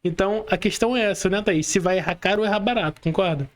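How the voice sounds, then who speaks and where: High-pitched and fast, a man with a Brazilian Portuguese accent hosts a podcast interview in a conversational style. He explains things and often tacks on short tag questions to check that listeners agree.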